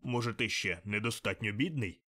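A man voicing Scrooge, a stingy old miser, in a gruff, curt, grumbling manner for an audiobook. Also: fairly low pitch, moderate pace, sharp tone. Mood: scornful grumbling. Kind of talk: audiobook character reading.

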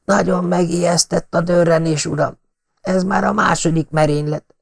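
A man's voice: high-pitched, little pitch movement, creaky, dry recording, studio quality, voice pushed up. A man voicing a frightened, deferential old butler. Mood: fearful. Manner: anxious, deferential.

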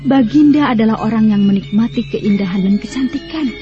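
An actress playing a haughty, vain and spiteful young royal concubine with proud, biting delivery in a radio melodrama. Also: female voice, a little high, brisk, mellow, close to an everyday voice. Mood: taunting, haughty. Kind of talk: melodramatic radio drama acting. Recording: muffled radio drama, music behind.

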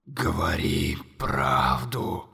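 A man voicing a huge, relentless monster in an audiobook, speaking in a low, slow, menacing whisper. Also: sing-song, creaky, bright, forceful tone, slightly rough, big-room sound, exaggerated voice.

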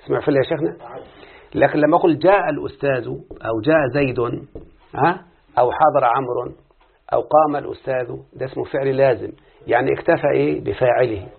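A man's voice: mid-range voice, fast talker, creaky, slightly rough, phone-quality sound. A man with an Egyptian accent teaching a classical grammar lesson, often prompting his students with questions. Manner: questioning, drawing students in with repeated "what?" prompts. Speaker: teacher of Arabic morphology. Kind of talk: classical Arabic grammar lesson with opening prayers.

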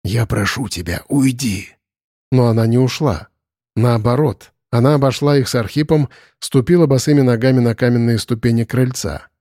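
A man narrating a dark fantasy audiobook in a measured, dramatic reading. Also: medium pitch, dry recording, studio quality.

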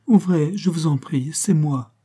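A man's voice: fairly high pitch, measured pace, mellow, husky, pitched above the performer's own voice. A man voicing a small, sweet-voiced young woman who speaks earnestly and with emphasis in an audiobook. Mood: pleading insistent.

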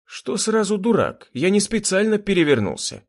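A man's voice: high-pitched, sing-song, normal speed, voice pushed up, full character voice. A man voicing a timid, apologetic young engineer in an audiobook. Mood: defensive. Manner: defensive, apologetic.

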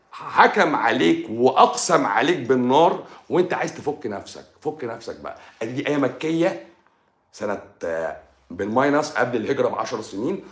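Animated Egyptian man, fast and echoey. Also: medium pitch. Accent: Egyptian Arabic. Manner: animated, addresses listener directly, repeats phrases. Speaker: religious speaker. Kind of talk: live stream religious talk.

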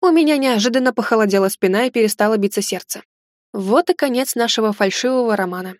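A woman reading a first-person romance audiobook in a calm, intimate storytelling manner. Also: a little high, quick pace, no echo, studio quality. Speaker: audiobook narrator.

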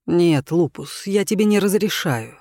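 A man's voice: high-pitched, expressive, a little slow, creaky, darkish tone, no room sound, heavily acted. A man voicing an earnest young inventor in a storybook reading, slightly raised and explaining carefully, with a dry close sound. He sounds thoughtful and sincere. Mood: shaken.

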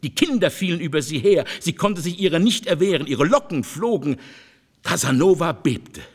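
A man narrates classic literary fiction in a measured, expressive way. His voice sits slightly high and moves in lively melodic curves. It is steady audiobook storytelling. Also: slightly rough.

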